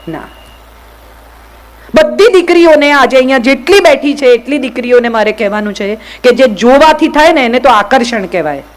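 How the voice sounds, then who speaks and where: A woman's voice: fairly high pitch, low-quality recording. A woman giving a motivational speech to an audience, speaking directly and firing questions at the listeners. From Gujarat, India.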